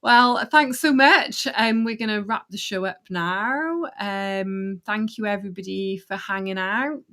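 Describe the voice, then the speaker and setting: A woman's voice: medium pitch, measured pace, vocal fry, sharp tone. A woman hosting a casual chat show, chatty and full of fillers, often laughing. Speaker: host.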